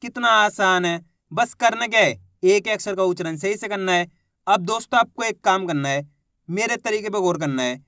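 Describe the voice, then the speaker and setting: A man with a notably high voice leads a patient reading lesson, breaking words into single sounds and checking that his listeners keep up. The recording is close and dry, with no room sound around him. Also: bright, forceful tone, no room sound. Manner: slow syllable-by-syllable drilling, repeats checks. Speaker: Hindi reading teacher.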